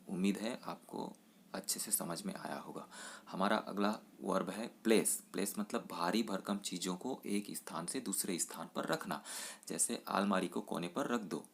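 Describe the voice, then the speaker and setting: A man teaching English vocabulary to Hindi speakers, explaining each verb and then slowly reading out example sentences. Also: sits low, gravelly, fairly bright tone.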